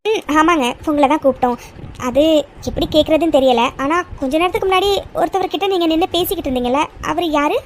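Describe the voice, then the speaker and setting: A bold young woman from a cartoon, voiced by a woman, quick and insistent. Her voice sits high, and she rattles her lines off fast. A faint ambient hum lies under her. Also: natural voice. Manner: brisk and insistent. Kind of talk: cartoon voice acting.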